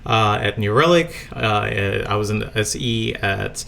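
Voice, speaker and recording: Man with a gravelly voice giving a talk. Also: on the low side, slow pace, pushed and bright. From Latvia. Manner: casual, conversational, many fillers. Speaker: conference speaker. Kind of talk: recorded conference talk. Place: home office, indoors.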